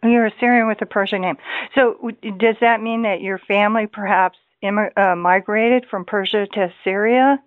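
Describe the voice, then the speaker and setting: Woman host, mid-pitched, inquisitive, questions tumbling out, dry and tinny phone-like sound. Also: steady tone, moderate pace, hardly any pauses, no echo. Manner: curious, asks many follow-up questions. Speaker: radio show host. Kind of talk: radio interview. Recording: dry, phone-like narrow band.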